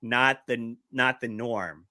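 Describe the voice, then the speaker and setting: A man co-hosts a casual podcast chat with a bright, forceful voice. He rambles, laughs often and sometimes loses his train of thought. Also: medium pitch, steady tone, takes it slowly. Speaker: podcast co-host.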